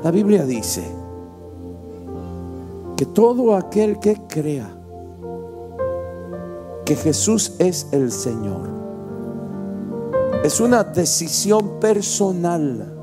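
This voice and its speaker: A male pastor preaching a sermon with passion, moving from quiet, intimate storytelling to loud, shouted exhortation. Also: high voice, very animated, drawn-out words, pauses often, over music. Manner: impassioned preaching, swings from hushed to shouting.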